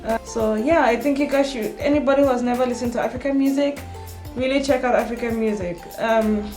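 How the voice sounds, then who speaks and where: A woman's voice: a little high, a little fast, darkish tone. A young woman from Cameroon, chatting casually in a get-to-know-me vlog, full of ums and self-corrections. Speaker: vlogger. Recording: echoey room with background music.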